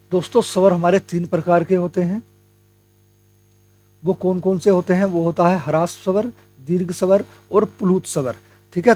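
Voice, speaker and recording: A young man with a fairly high voice runs an exam-prep grammar lesson, talking to his viewers as friends. He goes step by step, asks his own questions and answers them. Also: a little mellow. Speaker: Hindi grammar teacher.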